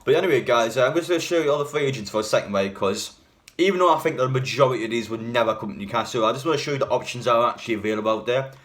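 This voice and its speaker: A man's voice: mid-range voice, racing, a bit bright. A man, a bit hungover, giving a casual, blunt and rambling opinionated talk as a football fan video host.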